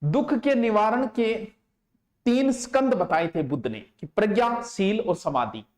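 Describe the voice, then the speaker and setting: A man giving an exam coaching lecture in a fairly high voice. He speaks emphatically and repeats terms slowly so students can take notes. The voice bounces around a roomy, echoing space. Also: expressive, darkish tone. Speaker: teacher. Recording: roomy echo.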